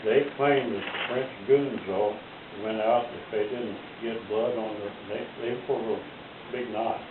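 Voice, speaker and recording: An old man, a war veteran in his eighties or older, reminiscing in a folksy, halting way with homespun grammar. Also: on the low side, fairly even intonation, reverberant. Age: elderly, 80s or older. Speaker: war veteran being interviewed. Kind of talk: reminiscing in casual conversation. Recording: hissy, boxy, phone-like home recording.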